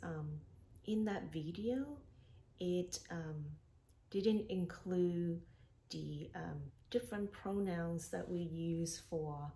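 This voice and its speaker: A woman teaching a language lesson to children, speaking slowly and repeating each word for pupils to echo. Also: sits low, dark tone.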